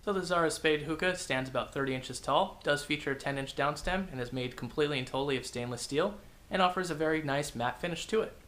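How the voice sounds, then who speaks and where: A man's voice: a little high, fast, a bit bright, reverberant. A man giving a casual, informal product review, talking directly to his viewers. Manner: informal, addresses viewers as "you guys".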